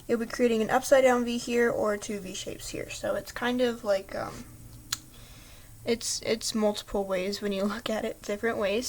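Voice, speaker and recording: A woman with a medium-pitched, slightly throaty voice patiently walks through a step-by-step craft tutorial. She's chatty, makes small slips and apologizes, and there's a little hiss or hum on the recording.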